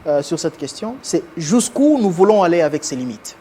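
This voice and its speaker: A man from Congo, a guest in a televised interview, speaking in formal, measured phrases and often repeating himself. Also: a little high, sing-song, mellow, husky. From Congo (DRC).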